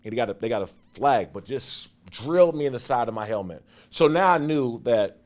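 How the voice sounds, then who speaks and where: A man in his forties telling stories from his football career in a casual interview, animated and getting loud and quick when excited. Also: mid-range voice. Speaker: guest, former football player.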